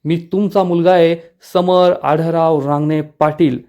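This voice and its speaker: A man's voice: on the high side, steady tone, unhurried, smooth, highs cut off. A man reading the lines of an angry young man who is claiming his inheritance. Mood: angry, threatening.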